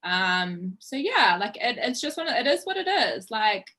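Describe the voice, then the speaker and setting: A young woman with a strong New Zealand accent chats casually as a podcast guest. Her voice is bright and forceful, and she laughs easily and fills her talk with "like". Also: mid-range voice, very animated, normal speed, poor audio. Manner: chatty, laughs often, leans on "like". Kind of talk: casual interview chat.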